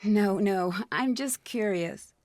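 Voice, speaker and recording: A woman's voice: medium pitch, slow, a little mellow, no room sound, studio quality, lightly acted. An actress playing a polite, earnest and inquisitive young female detective in a video game. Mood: curious. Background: music.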